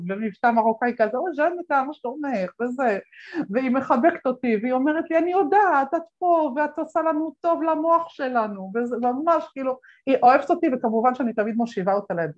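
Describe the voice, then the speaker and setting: Animated woman telling stories, lo-fi sound. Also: a little high. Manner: animated, acts out quoted voices, many fillers. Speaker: guest speaker. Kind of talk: conversational interview storytelling.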